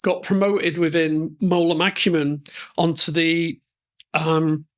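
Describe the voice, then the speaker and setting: A middle-aged podcast guest from northern England, with the accent to match, tells rambling, self-deprecating stories. His voice is a little high and fairly even in intonation, he speaks slowly, and the recording is rough.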